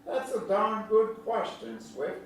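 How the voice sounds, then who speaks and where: In a theatrical staged reading, a male actor plays a folksy older country man, a kindly, teasing storyteller with a homespun drawl, using a high, sing-song, exaggerated voice at a slow pace. The mood is wise and reflective. The large indoor room is echoey, captured by a distant mic with faint noise.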